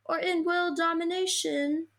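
A woman reading aloud and voicing a dour, stern woman professor in a dark, slow way. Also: very high voice, steady tone, voice pushed up, heavily acted.

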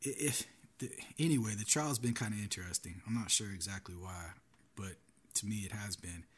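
A man's voice: lowish voice, fairly quick. A man hosting his own podcast, giving earnest solo commentary with a warning tone. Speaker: podcast host.

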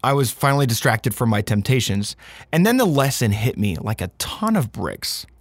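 A man hosting a podcast in a casual, candid personal monologue, chatty and informal with animated emphasis. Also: medium pitch, normal speed, breathy edge. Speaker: podcast host.

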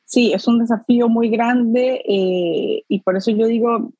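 A woman's voice: a little high, fairly even intonation, measured pace, warm tone, no room sound. Earnest mother speaking on a dull, dry line. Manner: earnest, heartfelt, frequent "eh" fillers. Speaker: interview guest, mother. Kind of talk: conversational interview.

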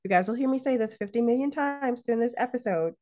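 A woman's voice: on the high side, fast talker, dark tone. A woman speaking as a guest on a casual podcast, talking emphatically and enthusiastically and leaning hard on her stressed words. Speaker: podcast guest, business owner.

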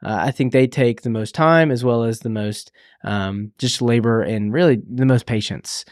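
A man's voice: medium pitch, moderate pace, no echo, clean studio sound. A man co-hosting a church podcast, speaking in casual conversation with many fillers and restarts.

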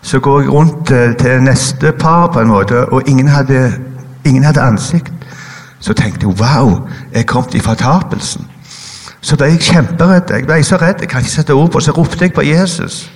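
A man telling a personal faith testimony in a halting, hesitant way, pausing often with fillers. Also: medium pitch, in a large hall. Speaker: guest giving a personal testimony. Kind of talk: emotional spoken testimony.

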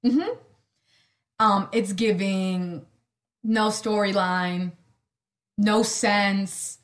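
A young woman hosting a solo podcast in casual chat, sarcastic and rambling, full of "like" and quick asides. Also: medium pitch, steady tone. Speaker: podcast host.

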